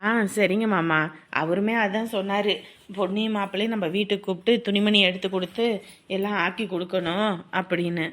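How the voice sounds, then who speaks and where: An actress playing a village daughter-in-law, speaking in an outspoken, aggrieved way. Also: female voice, medium pitch, steady tone, fairly quick, fairly bright tone, lightly acted. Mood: respectful. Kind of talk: village family drama.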